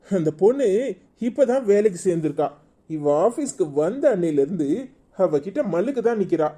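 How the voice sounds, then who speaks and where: A fed-up office boss with a Tirunelveli Tamil accent, voiced by a man. He scolds in a dark, mellow tone. He sounds worn out and short-tempered in a cartoon comedy. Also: high voice, very animated, brisk. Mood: exasperated.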